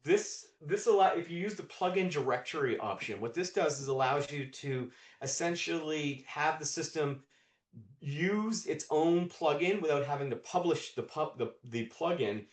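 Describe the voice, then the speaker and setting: A man's voice: a little high, normal speed. A man presenting a live coding demo on a video call, thinking aloud with frequent restarts and repeated words. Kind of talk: live screen-share demo. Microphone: video call mic. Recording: roomy echo.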